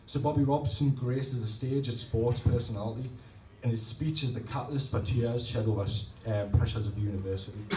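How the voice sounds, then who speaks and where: Over a noisy background, a mid-range male voice belongs to a man in his 30s performing at a poetry night in a pub function room. His rhymed spoken-word poems have a rhythmic delivery, separated by rambling, self-deprecating asides, and the live recording is roomy and distant with faint ambience.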